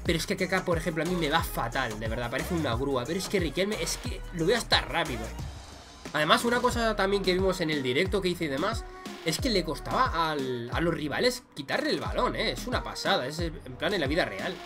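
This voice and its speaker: Young man, Spain Spanish accent, gaming commentary, high and very lively voice, faint music behind. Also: fairly quick. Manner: excitable, swings from muttering to loud shouts. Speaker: gaming YouTuber. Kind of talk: excited gameplay commentary.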